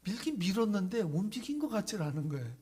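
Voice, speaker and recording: High-voiced pastor preaching dramatically. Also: male voice, sing-song, fast talker, slightly rough. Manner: dramatic storytelling, swinging from loud to whispered. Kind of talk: sermon.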